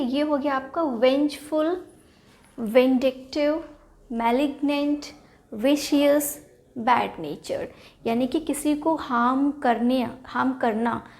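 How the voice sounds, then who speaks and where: A woman with an Indian accent teaching English synonyms. She works slowly through word lists, repeats each word and checks in often with "okay". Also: sits high, a little mellow. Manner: repeats words, frequent "thik hai" checks, slow deliberate spelling. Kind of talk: explaining word lists in Hindi-English mix.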